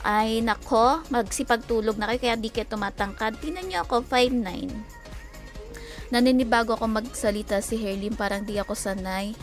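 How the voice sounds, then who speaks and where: Animated Filipino woman streamer, laughing often. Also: fairly high pitch, soft background music. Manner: animated, teasing, quick to laugh. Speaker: game streamer. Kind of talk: casual livestream chat.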